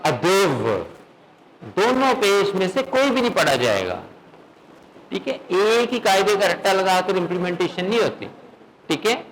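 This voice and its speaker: A man's fairly high voice leads a classroom recitation lesson. He fires questions at his students and checks they follow. He slows right down to drill each sound. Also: very animated, a bit bright, a little hiss or hum, poor audio. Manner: quizzes students, then drills sounds slowly; firm, often checks with "okay?". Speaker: Quran recitation teacher.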